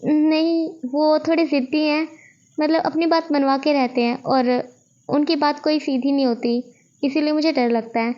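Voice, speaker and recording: A quiet, soft-spoken new boy at school, calm and plain, voiced by a woman storyteller. Her voice stays high, and the recording is dull and lo-fi. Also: normal speed, lightly acted.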